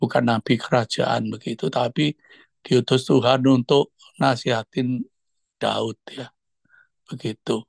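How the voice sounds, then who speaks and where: A man's voice: medium pitch, steady tone, measured pace, gravelly, long pauses, no echo. A man, casually telling a personal story during an online devotional sharing and acting out the quoted speech. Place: online video call.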